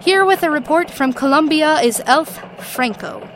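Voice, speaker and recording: A woman's voice: high-pitched, expressive, normal speed, a little hiss or hum. A woman playing an earnest Christmas elf news reporter, delivering a scripted radio report. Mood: earnest, upbeat.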